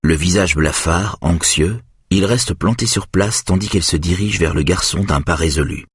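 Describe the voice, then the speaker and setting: A man reading a novel aloud in a steady, even narration. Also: low-pitched, moderate pace, slightly rough, no echo, studio quality. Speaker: reader.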